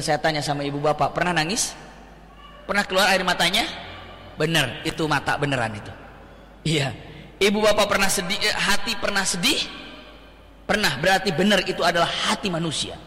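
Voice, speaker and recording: High, bright preacher in an echoing hall. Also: male voice. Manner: animated storytelling, quoting Arabic, questioning the audience. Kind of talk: sermon. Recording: long hall reverb.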